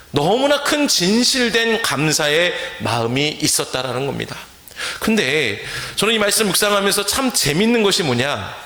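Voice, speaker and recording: A man's voice: high voice, bright, forceful tone. A male pastor from central Korea, preaching a sermon and often asking the congregation questions to draw their answers. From Chungcheong, Korea. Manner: asks the congregation questions and leads call-and-response. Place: church sanctuary. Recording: echoey church hall.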